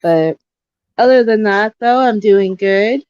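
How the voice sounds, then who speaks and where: Soft-spoken woman, slightly dull call sound. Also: medium pitch, slow, clean tone, dry recording. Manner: soft, brief replies with many fillers. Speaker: co-host of a live advocacy chat. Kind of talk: casual live-stream chat.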